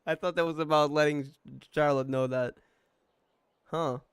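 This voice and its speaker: A gamer reacts casually to a story playthrough, murmuring asides and chuckling. His voice is a little high and clean-toned, with fairly even intonation at a normal speed. It's clean studio sound with no room sound, though faint game dialogue and soft music play behind him.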